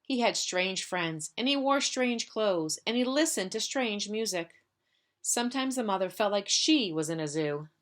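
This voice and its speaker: A member of school staff reads a picture book aloud to young pupils, lingering on the repeated phrases. Her voice is medium in pitch and expressive, moving at a normal speed.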